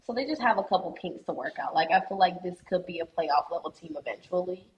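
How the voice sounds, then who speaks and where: A young woman chatting as a podcast guest, talkative and thinking out loud with repeated words. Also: on the low side, lively intonation, fast, lo-fi sound. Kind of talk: casual chat.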